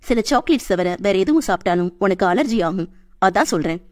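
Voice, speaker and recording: A woman reading an audiobook and voicing a stern young male boss who scolds quickly but cares. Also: mid-range voice, animated, a little mellow, natural voice. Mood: gently stern. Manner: scolding, rapid, bossy.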